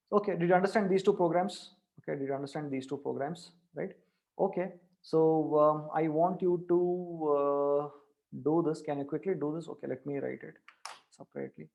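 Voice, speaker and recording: A man's voice: on the high side, gravelly, darkish tone, lo-fi sound. Guy teaching coding on a video call, keeps asking the same question again, computer mic. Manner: repeats questions, pushes students to answer. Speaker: programming teacher. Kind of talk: live online class.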